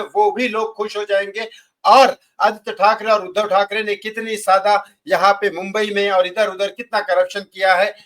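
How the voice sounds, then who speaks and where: A man hosting a YouTube political news channel, talking in an excited, emphatic and repetitive way and pleading with viewers. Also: sits high. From India.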